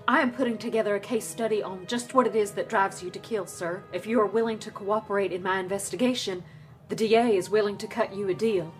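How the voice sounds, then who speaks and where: A woman's voice: mid-range voice, steady tone, quick pace, faint music behind, natural voice. An actress playing an earnest young female FBI agent in a film clip, speaking in a stiff, formal way. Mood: businesslike. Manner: stiff, formal, businesslike delivery.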